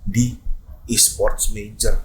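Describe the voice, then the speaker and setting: A man's voice: on the low side, takes it slowly, breathy edge. A man with a Jakarta slang accent, an esports event host, telling stories in a casual podcast chat and acting out quoted lines. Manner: animated storyteller, acts out quoted lines.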